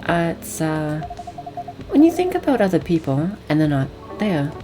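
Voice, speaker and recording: A woman's voice: low-pitched, very animated, moderate pace. A woman reading as a caring cafe barista. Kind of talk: reading game dialogue aloud. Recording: game music in the background.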